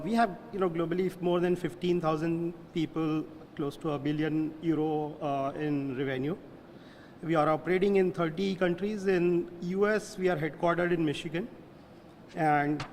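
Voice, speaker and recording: A man's voice: a little high, big-room sound, a little hiss or hum. A man, a company executive, giving an earnest, plainly worded speech at a ribbon-cutting ceremony. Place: large indoor hall.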